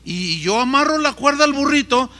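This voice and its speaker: Preacher playing a calm kindly rescuer, reassuring, raised bright voice, hall echo. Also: male voice, very high voice, normal speed, pitched above the performer's own voice, exaggerated voice.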